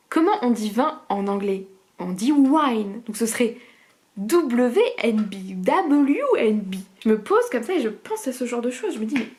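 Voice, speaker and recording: A woman's voice: mid-range voice, darkish tone. Chatty Norman woman vlogging. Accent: Norman French. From Normandy, France. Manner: chatty and digressive, laughs often. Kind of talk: casual chat to camera.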